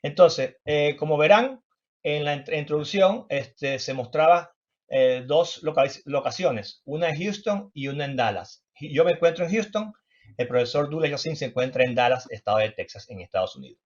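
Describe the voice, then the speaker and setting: A man's voice: on the high side, animated, normal speed. A Venezuelan man speaking in a courteous, formal way as an interview host. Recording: dull, band-limited audio.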